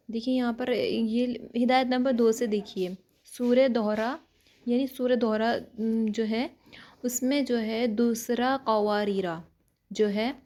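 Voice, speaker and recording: A woman's voice: on the high side, a little mellow. Patient woman teaching Quran recitation. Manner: patient, explains step by step with frequent check-ins; chants Arabic words slowly and drawn out. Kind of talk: online tajweed lesson.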